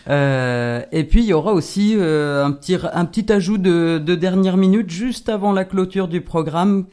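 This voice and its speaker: A woman's voice: on the low side, moderate pace, dark tone. A woman presenting upcoming concerts on a radio show, in a playful chat full of hesitant fillers. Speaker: concert programmer on a radio guest spot. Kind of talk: casual radio chat announcing events.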